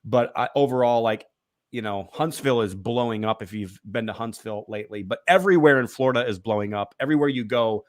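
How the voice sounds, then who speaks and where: A man's voice: mid-range voice, fast, a little mellow. Rambling man with a mid-range voice. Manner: rambling, with many fillers and restarts. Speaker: guest. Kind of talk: casual interview chat.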